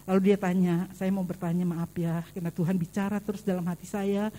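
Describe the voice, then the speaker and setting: A woman's voice: little pitch movement, a little fast, dark tone. A woman with a Javanese accent preaching a sermon in church, telling stories and acting out the voices of the people in them. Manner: storytelling, acts out quoted voices, rises high on pleas.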